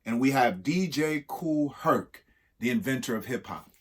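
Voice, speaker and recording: Reading a children's rhyming alphabet book with occasional spoken asides, this husky man lets his pitch swoop in lively fashion. He stresses words emphatically and breaks the text into short phrases separated by pauses.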